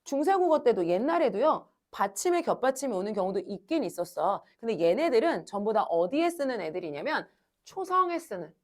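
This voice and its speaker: Woman, language teacher, classroom lecture, lively pitch, brisk coaxing questions. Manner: asks students questions and answers them herself, brisk and coaxing. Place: cram school classroom.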